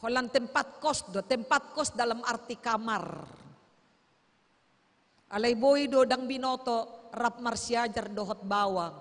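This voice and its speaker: A woman's voice: fairly high pitch, slow, pauses often, fairly bright tone. A woman preacher, exhorting and pleading with her congregation in a sermon. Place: church sanctuary. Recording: long church reverb.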